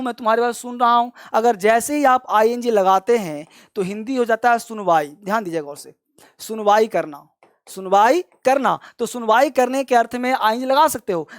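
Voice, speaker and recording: A male teacher gives a grammar lesson in class, explaining step by step, addressing the students as kids, and repeatedly telling them to pay close attention. His voice is very high, and the recording is dry.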